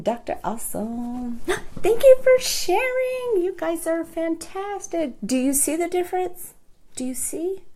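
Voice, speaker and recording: Chatty woman with a gravelly, lively voice. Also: lowish voice. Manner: chatty, talks to viewers by name while working. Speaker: makeup live-stream host. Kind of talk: casual makeup tutorial chat.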